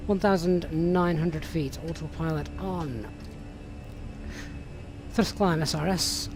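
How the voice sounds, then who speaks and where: A man flying an airliner simulator live, giving brisk procedural cockpit callouts and commentary. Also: a little high, fairly even intonation, background noise.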